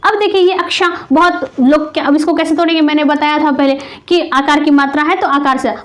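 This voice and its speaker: A high-pitched woman teaching a grammar lesson. She works through each example patiently, asks questions and answers them herself, and repeats each syllable slowly and clearly. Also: fairly even intonation. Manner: patient, explains step by step with rhetorical questions.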